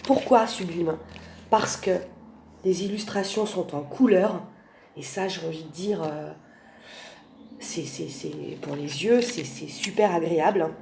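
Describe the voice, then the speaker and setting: A woman's voice: on the low side, measured pace, darkish tone. A woman with a Portuguese accent speaking French, gushing over oracle cards in a casual vlog, full of fillers and restarts. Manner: effusive, many fillers and restarts. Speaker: oracle card reviewer. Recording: roomy home recording with faint background noise.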